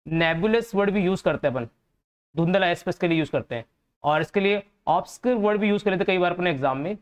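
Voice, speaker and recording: A man with a Hindi accent teaching an English vocabulary lesson for exams, patiently explaining and repeating each word's meaning. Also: on the high side.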